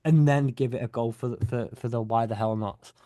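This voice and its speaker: A man's voice: mid-range voice, steady tone, brisk, warm tone, dry recording, studio quality. A man from the UK hosting a podcast in casual chat, rambling and joking as he talks. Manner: rambling, jokey, self-correcting. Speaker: podcast host.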